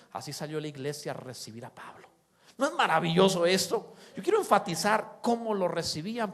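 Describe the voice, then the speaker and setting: A man preaching a sermon, animated, acting out quoted voices and swinging between loud exclamations and soft asides. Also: fairly high pitch. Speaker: pastor.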